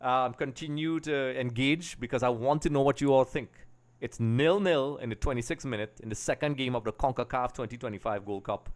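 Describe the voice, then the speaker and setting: A middle-aged man from Trinidad and Tobago talks fairly quickly in a mid-range voice. Hosting a football watch-along livestream, he chats casually and rambles to viewers from a small home streaming room, his desk microphone on a boom arm.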